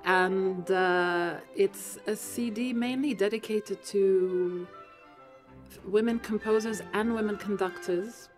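Faint music sits behind this composer guest, a young Lebanese woman whose medium-pitched voice moves at a slow pace. Throughout the podcast interview she stays lively, switching languages and laughing frequently. A boom-arm studio mic picks her up in a room full of Christmas trees.

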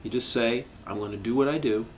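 A middle-aged man teaching a harmonica lesson, explaining in a calm, reflective way with frequent restarts. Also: mid-range voice, fairly quick, slight background noise. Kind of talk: instructional video lesson.

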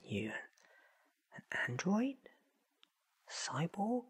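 A man's voice: sits high, wildly swooping pitch, very slow, slightly rough, exaggerated voice. A man in his thirties playing an eccentric, curious, ancient alien time traveller, theatrical and wordy, in a close-miked ASMR roleplay. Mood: puzzled, curious. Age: 30s. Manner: theatrical, wordy, self-assured. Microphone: close sensitive microphone.

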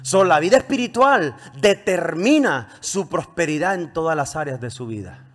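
High-voiced preaching pastor, emphatic. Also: male voice, lively intonation, moderate pace, fairly bright tone. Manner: preaching with call-and-response, rising emphatic questions. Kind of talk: sermon.

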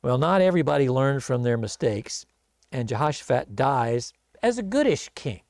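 A man's voice: medium pitch, very animated, moderate pace, darkish tone, dry recording, studio quality. A man from the United States teaching a casual Bible study sermon in a church, telling the story folksily and acting out the voices in it.

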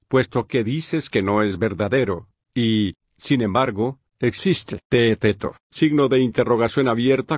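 Even-toned male audiobook narrator. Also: lowish voice, no echo, highs cut off. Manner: even, measured, reads speaker names and punctuation aloud. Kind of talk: reading a philosophical dialogue aloud.

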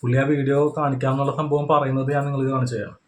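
This YouTube reaction commentator from India speaks off the cuff in a medium-pitched voice, with flat delivery at a racing speed. His opinions come across as repetitive explanations, frequently pausing to check in with his audience.

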